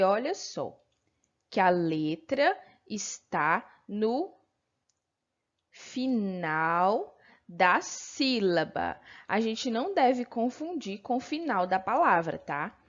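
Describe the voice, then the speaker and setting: A Brazilian woman teacher with a patient manner, slowly explaining a textbook lesson and checking in with her pupils. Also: on the high side, a little mellow, highs cut off. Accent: Brazilian Portuguese. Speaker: primary school teacher.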